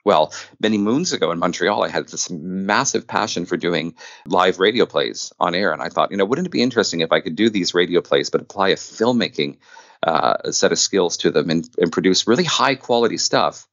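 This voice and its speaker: Here the same kind of guest, a middle-aged man who produces and narrates audio dramas, shares stories on a podcast with eager, self-mocking, chatty energy. He sounds deep, animated and fairly bright, talking a little fast. The sound is dry and lo-fi.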